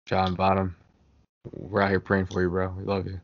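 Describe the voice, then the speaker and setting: A man's voice: low-pitched, completely flat delivery, moderate pace. A young American man chatting casually on a podcast in a frat-bro manner, full of slang and swearing. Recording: dull lo-fi audio.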